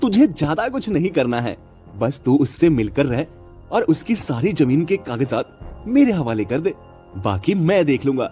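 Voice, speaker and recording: A man voicing a scheming, greedy village moneylender in a cartoon story, talking in a smooth, sly way. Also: fairly high pitch, very animated, moderate pace, mellow, soft background music.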